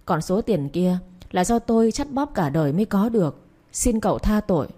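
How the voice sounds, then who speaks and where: Woman doing an old servant woman, sharp-tongued. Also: animated, normal speed, close to an everyday voice. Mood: pleading. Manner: scolding shrill abuse, then pleading. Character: old female servant, cornered and defiant.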